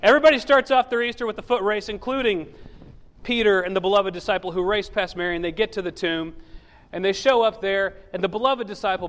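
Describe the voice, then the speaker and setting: With a high, fairly bright voice, this man preaches in a church, giving the story a humorous spin and voicing each of its people himself. The long reverb of a big hall surrounds his words.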